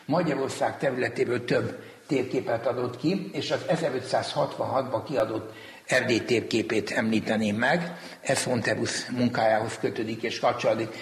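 A man interviewed as a museum director explains history in formal, deliberate, scholarly language. His voice is mid-range, and the recording echoes as if made in a reverberant hall.

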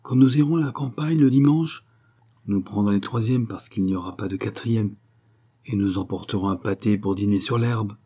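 A man's voice: fairly low pitch, moderate pace, mellow, breathy edge. A man reading an audiobook, voicing a moody, self-absorbed young poet who talks with glib, forced cheer.

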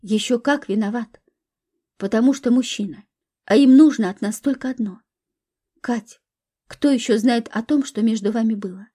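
A woman reading as a steady, caring young woman. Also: a little high, normal speed, long pauses, close to an everyday voice. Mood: firm. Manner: earnest, protective.

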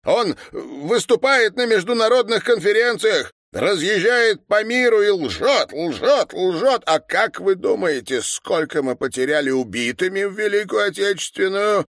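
A man voicing a furious old male war veteran who shouts indignantly and keeps repeating his words. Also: sits high, very animated, a little slow, hardly any pauses, no room sound, studio quality, voice pushed up, full character voice. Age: older.

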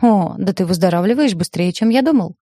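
Easygoing sensible young man, breezy, read by a woman. Mellow. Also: medium pitch, lively intonation, fairly quick, no echo, studio quality, lightly acted. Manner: breezy, matter-of-fact.

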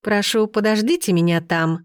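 A woman voicing a cruel, haughty noble stepmother who talks in a sneering, shrill way. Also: moderate pace, clean tone, dry recording, clean studio sound, close to an everyday voice. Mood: sweetly false.

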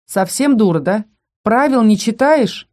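Woman doing a sneering rough young fighter. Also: fairly high pitch, lively intonation, measured pace, pitched above the performer's own voice. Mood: angry. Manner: loud, sneering, barking. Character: brash young male combat student, mocking and rough.

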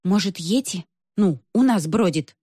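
A woman voicing a timid teenage girl who speaks quietly and conspiratorially, with dry humor. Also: mid-range voice, animated, normal speed, breathy edge, no room sound. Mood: wry.

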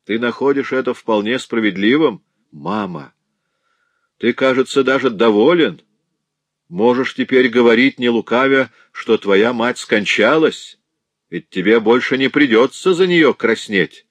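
A man's voice: fairly low pitch, expressive, measured pace, a bit bright, dry recording. A man reading an audiobook aloud and voicing a cruel, unrepentant old widow who speaks with sarcasm and cold fury. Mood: bitter sneering. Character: vicious old widow, a murderer facing execution, sneering and unrepentant.

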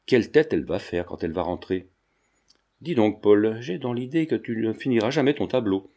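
A man's voice: on the low side, expressive, normal speed, dark tone. A man voicing a brash, joking male painter who talks in teasing, slangy banter. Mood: gleeful.

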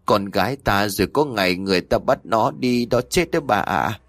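A distraught old father, once greedy and now full of remorse, scolds and begs by turns. His voice swings widely in pitch, sitting a little low and dry, as a man narrator reads him. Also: animated, normal speed, no echo. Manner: pleading, scolding.

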